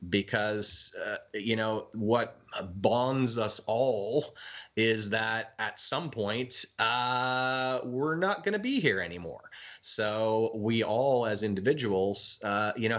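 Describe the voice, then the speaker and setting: A man's voice: fairly low pitch, a bit bright. A Canadian man speaking as a guest in a casual interview, informal and chatty with hesitant phrasing. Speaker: ghost tour guide, interview guest.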